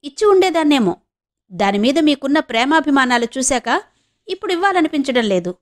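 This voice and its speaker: A woman's voice: high voice, very animated, takes it slowly, a little mellow, pitched above the performer's own voice, exaggerated voice. A woman voicing a proud, domineering rich wife in an audiobook, taunting and sharply contemptuous. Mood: scornful. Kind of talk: audiobook character reading.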